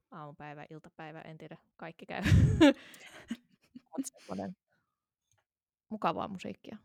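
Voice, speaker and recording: A woman's voice: mid-range voice, vocal fry, dry recording, clean studio sound. A woman in her thirties, a podcast co-host, chatting casually and rambling with many fillers and restarts. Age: 30s. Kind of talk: casual chat.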